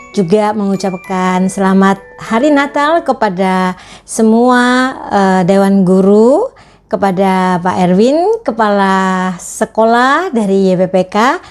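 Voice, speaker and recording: A woman's voice: mid-range voice, a little mellow. A woman teaching children at a school Christmas service, talking to them in a playful, teacherly way as she tells them a story.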